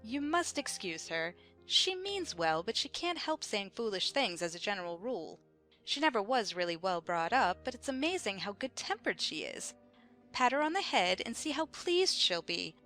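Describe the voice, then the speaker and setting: A woman's voice: mid-range voice, sing-song, moderate pace, a bit bright. A woman playing a bossy, pedantic queen who contradicts like a schoolmistress in an audiobook drama. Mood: condescending. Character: bossy, pedantic Red Queen, an imperious chess-piece monarch. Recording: music behind the voice.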